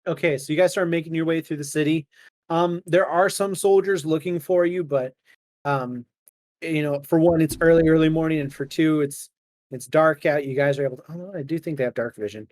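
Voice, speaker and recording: Male game master, lighter pitch, halting improvised narration, dry studio-like sound. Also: darkish tone, dry recording.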